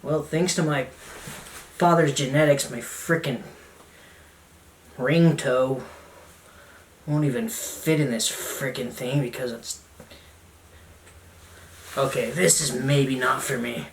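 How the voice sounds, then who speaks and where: A man's voice: mid-range voice, fairly even intonation, slow, long pauses. A young man vlogging casually at home, chatty and self-mocking, with jokey asides as he unpacks gear. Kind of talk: casual unboxing vlog. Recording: roomy, distant camera mic, noisy.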